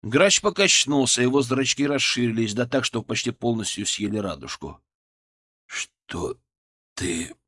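A man's voice: mid-range voice, lively intonation, normal speed, few pauses, bright, forceful tone. A man reading a first-person audiobook with dramatic, tense storytelling. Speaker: audiobook narrator. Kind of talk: first-person scripted narration.

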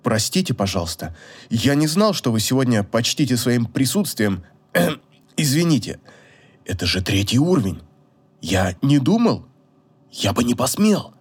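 A man's voice: medium pitch, sing-song, moderate pace. A man voicing a young man, the heroine's smug boyfriend, who talks in a teasing, self-assured way in an audiobook. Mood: fawning. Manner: teasing, then fawning and apologetic.

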